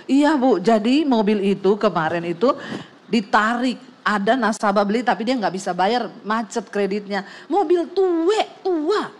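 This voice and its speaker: A middle-aged woman pastor, preaching through a comic personal story and acting out voices and sounds. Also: mid-range voice. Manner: lively, acts out voices and sound effects, laughs often.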